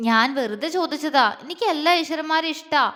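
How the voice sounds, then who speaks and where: Woman doing a whiny little young bride voice, high and pouty, echoey room. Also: brisk, a bit bright. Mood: sulky. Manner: pouting, whiny, childish. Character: childlike young bride, sulky and innocent.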